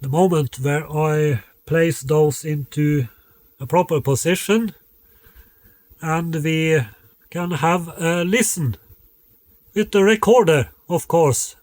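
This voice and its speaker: With a fairly high pitch, this man talks about designing loudspeakers in a halting, plain manner, frequently stopping to find the right words. No room sound is audible.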